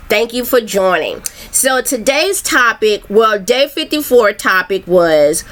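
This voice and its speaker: A bright, clear-voiced middle-aged woman with a mid-range voice chats casually with her viewers in a live video, like a self-esteem coach going live. She rambles in a loose, friendly way, full of ums and restarts.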